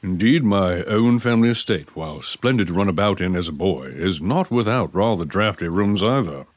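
Period drama: well-bred English gentleman played by a man, low, animated, formal and polite, dry sound. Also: normal speed, no echo. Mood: genteel, apologetic. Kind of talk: period audio drama acting.

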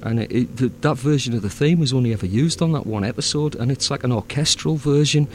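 A man's voice: mid-range voice, quick pace, darkish tone, a little hiss or hum. Rambling Northern English man, many fillers. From north of England. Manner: rambling, many fillers and restarts, easy laughter. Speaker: fan audio drama producer. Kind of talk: casual chat.

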